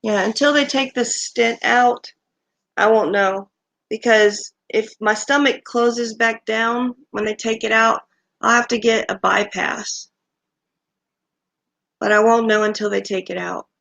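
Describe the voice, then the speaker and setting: A woman hosting a livestream, chatting casually with viewers and thanking them one by one, her voice creaky since she has just woken up and is recovering from illness. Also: medium pitch, fairly even intonation, a little slow, fairly bright tone. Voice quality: creaky morning voice. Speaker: livestream host. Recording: dull lo-fi stream audio.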